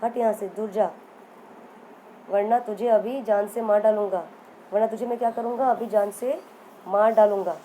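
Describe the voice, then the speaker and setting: A woman voicing a male lion, king of the jungle, who shouts loud, bossy threats in a storybook tale. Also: medium pitch, fairly even intonation, normal speed, pauses often, slight background noise, lightly acted, low-quality recording. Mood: angry.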